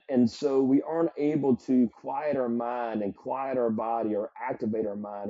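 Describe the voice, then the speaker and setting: Dark husky Southern man, earnest coach. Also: mid-range voice, dry recording, dull audio. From South Carolina, US. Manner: earnest, reflective, motivational. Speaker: psychologist and performance coach guest. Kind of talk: podcast interview.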